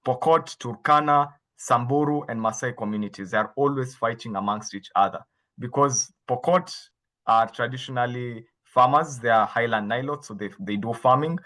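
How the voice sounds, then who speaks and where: A man's voice: medium pitch, normal speed, a bit bright. Man from Kenya giving a patient expert talk. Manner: patient, explanatory, repeats and restarts phrases. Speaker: guest expert. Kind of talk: explaining to a workshop audience.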